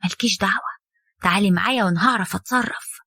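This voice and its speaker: A woman's voice: mid-range voice, racing, bright, forceful tone, no room sound, studio quality, pitched below the performer's own voice. A woman voicing a stern Egyptian mother-in-law. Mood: lecturing. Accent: Egyptian Arabic. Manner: firm, lecturing, bitter. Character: stern, weary middle-aged mother-in-law.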